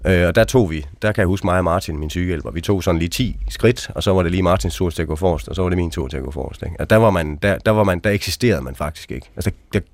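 An army veteran appearing as an interview guest tells stories from his life in a very deep, low voice. He speaks frankly and casually with few pauses, often closing sentences with questioning asides, and the sound is dry and close with no room sound.

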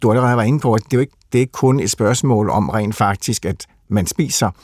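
A man's voice: fairly low pitch, darkish tone, no echo, clean studio sound. A man explaining a literary subject in a conversation, thoughtful and hesitant, with many fillers and restarts. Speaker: literature expert guest.

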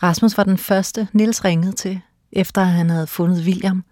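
A woman narrating a documentary in a calm, measured, soft-spoken way. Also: on the low side, no room sound, studio quality. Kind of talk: scripted narration.

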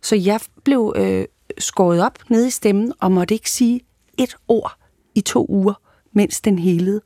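A woman's voice: medium pitch, big pitch swings, warm tone, no room sound. A woman actress talking reflectively in a casual studio conversation, hesitant with many fillers. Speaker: actress and guest.

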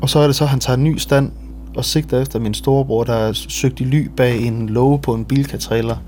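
A Danish man giving documentary testimony in a measured, detailed way. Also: mid-range voice, steady tone, darkish tone, a little hiss or hum. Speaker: interviewee recounting family events.

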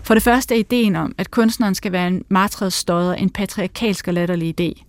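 A woman's voice: medium pitch, fairly even intonation, no room sound, natural voice. A woman reading as a heated, mocking woman. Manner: heated, mocking, speaks in bursts. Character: sharp-tongued, irritable woman who drinks, in her 40s.

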